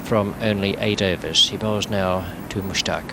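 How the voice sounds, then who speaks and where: A man giving measured, understated live cricket commentary with unhurried, sparing remarks. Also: low-pitched, steady tone. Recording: 1970s broadcast, loud crowd noise. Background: noisy outdoor cricket crowd.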